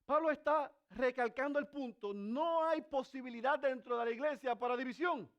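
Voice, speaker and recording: A man delivers an expository sermon at normal speed in a clear, resonant voice, though the recording is muffled. He poses rhetorical questions to the congregation, swinging between raised, emphatic passages and very quiet, low ones.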